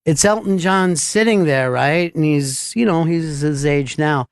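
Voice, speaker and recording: A man's voice: on the high side, measured pace, smooth, no echo. A man hosting a radio talk show, chatting casually at a studio microphone and drawing out words for emphasis.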